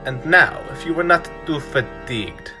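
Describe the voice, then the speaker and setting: A man playing a courtly, sinister vampire count in a radio drama, speaking formally and deliberately with theatrical weight. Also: on the high side, pushed and bright, soft background music. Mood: silky, sinister.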